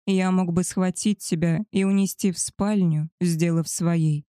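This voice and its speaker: A woman's voice: on the low side, fairly even intonation, a little slow, dark tone, clean tone, no room sound, studio quality, natural voice. Gabriel, a woman reading a tender werewolf alpha. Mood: tender, possessive. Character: male werewolf alpha, tender and possessive lover. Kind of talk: audiobook character voice.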